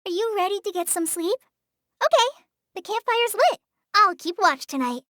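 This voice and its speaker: A shy apprentice forest ranger girl from a video game speaks her lines in a very high, lively voice, gentle in mood. She hesitates, sighs and apologizes at a moderate pace. The studio booth recording is close and dry, with no echo.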